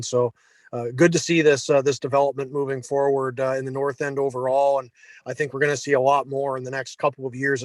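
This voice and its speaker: A man's voice: medium pitch, no echo. A man dialed in on his phone, giving rambling, upbeat and polite comments as a committee member at a town meeting. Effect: speaking over a phone line.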